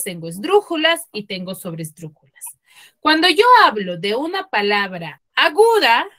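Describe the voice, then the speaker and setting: A woman teacher with a Peruvian Spanish accent runs an online class over a video call. She speaks slowly and patiently in a high, bright voice. She keeps asking the class questions to check they follow.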